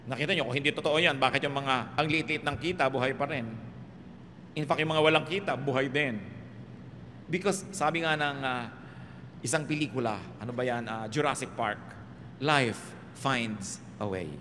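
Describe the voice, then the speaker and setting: A man with a Filipino accent preaching a sermon as a pastor, animated and humorous, often tossing rhetorical questions to the congregation. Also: medium pitch, brisk, a little hiss or hum. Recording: reverberant hall, faint background ambience.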